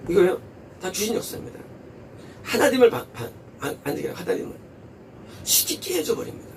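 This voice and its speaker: A man's voice: sits high, sing-song, fairly quick, creaky, far from the mic, slight background noise. A male pastor preaching a sermon in an emphatic way, posing rhetorical questions and repeating words for stress. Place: church.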